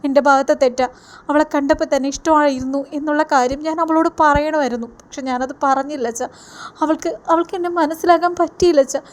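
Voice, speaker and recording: A woman's voice: sits high, steady tone, a little fast, close to an everyday voice. A woman reading the lines of a heartbroken young man pouring out his sorrow to his father in a tearful, pleading way. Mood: grieving.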